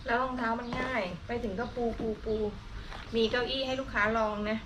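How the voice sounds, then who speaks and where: A woman co-host chiming in softly with short remarks in a casual chat. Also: a little high, flat delivery, fairly quick. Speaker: shoe reviewer and co-host. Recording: background noise.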